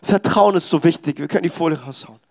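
A man's voice: a little high, quick pace, gravelly. A young man preaching a sermon, telling stories with quoted dialogue. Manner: animated, storytelling with quoted dialogue.

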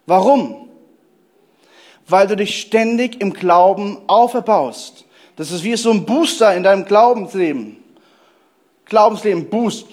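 A man preaching a lively sermon, telling stories and speaking straight to his listeners. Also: high-pitched. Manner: lively storytelling preacher, addresses listeners directly. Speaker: pastor.

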